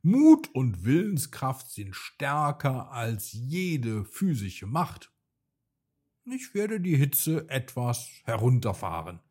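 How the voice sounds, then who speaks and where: A man's voice: mid-range voice, takes it slowly, breathy edge, full character voice. A man voicing a huge male sun spirit made of fire, mocking and haughty, in a children's storybook. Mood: solemn. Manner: mocking, then calm and solemn.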